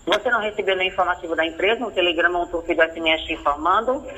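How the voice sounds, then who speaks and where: A man on a landline phone call, announcing a prize in a rapid, insistent scripted pitch and often asking if everything is all right. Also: sharp tone. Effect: heard over a landline phone. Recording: muffled phone line with faint hiss.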